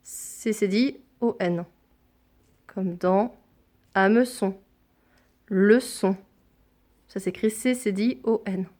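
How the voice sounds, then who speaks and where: A woman teaching a phonics lesson to young children, speaking deliberately and repeating each sound and example word. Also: medium pitch, a little mellow.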